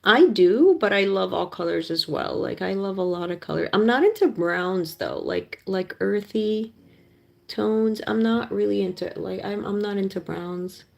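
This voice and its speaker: A woman's voice: medium pitch, animated, normal speed, gravelly, a little mellow. A woman in her thirties, the host of a live painting stream, chatting casually and gushing over her colors. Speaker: art streamer. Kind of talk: casual chat while painting.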